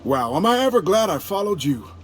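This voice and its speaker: An actor playing a breezy, smug contract killer in a video game, glib and condescending. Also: male voice, high-pitched, very animated, brisk, a little hiss or hum. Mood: breezy, businesslike.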